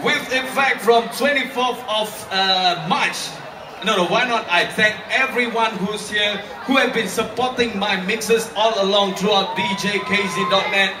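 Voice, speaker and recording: Filmed from deep in the crowd while he works a handheld mic on a packed nightclub stage, a young DJ in his 20s with a Singaporean accent and a high voice shouts jokes and calls out to hype the crowd into call-and-response. The sound is distant and echoey, with loud crowd noise.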